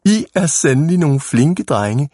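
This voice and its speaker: A man reading a storybook aloud who voices fussy, scolding old ladies in a lowered, prim tone. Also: sing-song, darkish tone, no echo, clean studio sound.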